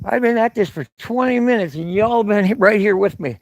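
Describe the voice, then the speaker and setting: Gravelly, high-voiced angry man streaming. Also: expressive, brisk. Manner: angry, profane, sarcastic, with chuckles. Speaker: livestreamer filming local police. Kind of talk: live-streamed rant reading chat comments. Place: outdoors on a street corner. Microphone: handheld camera.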